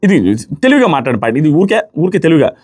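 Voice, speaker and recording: A man speaks in a high voice at a quick clip, recapping a reality show episode. He acts out the contestants' arguments as he goes. The delivery is animated and casual. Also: husky. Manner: rapid animated recap, acting out contestants' words. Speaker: show reviewer.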